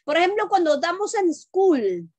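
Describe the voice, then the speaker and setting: High-voiced, unhurried teacher talking to kids. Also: female voice, very animated, darkish tone, no room sound. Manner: patient, repetitive, checks understanding with questions; calls children pet names. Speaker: primary school English teacher. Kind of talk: online class explanation to children.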